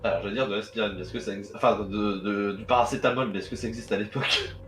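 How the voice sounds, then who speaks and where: A man's voice: lowish voice, fairly even intonation, quick pace, loud music behind the voice. A man playing a tabletop role-playing game, talking casually and hesitantly, with a joking tone. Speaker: player.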